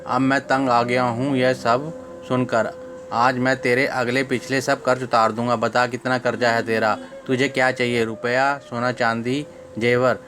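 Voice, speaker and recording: A short-tempered grown son, as a man reads him, speaks in a flat, mid-pitched voice with complaining impatience. Soft music plays in the background. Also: measured pace, lightly acted. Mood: irritated.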